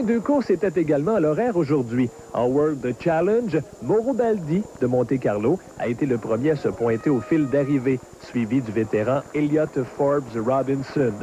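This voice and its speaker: A man's voice: mid-range voice, mellow. A man with a Quebec French accent narrating a scripted sports report as a field reporter. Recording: motor-like noise behind the voice.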